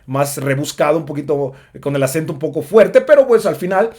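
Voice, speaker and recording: A man's voice: on the high side, lively intonation, brisk, darkish tone. A man giving a casual spoken English lesson, chatty with lots of fillers. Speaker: English teacher.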